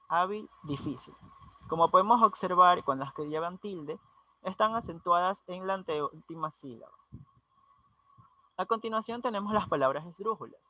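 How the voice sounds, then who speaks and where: A young male student giving a class presentation, reading his notes haltingly and restarting some words. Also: high voice, sharp tone. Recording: dull lo-fi audio.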